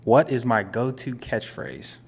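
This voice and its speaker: A man's voice: mid-range voice, a little slow, creaky, husky. A young man co-hosting a casual couple's podcast, teasing dryly and laughing often. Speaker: podcast co-host.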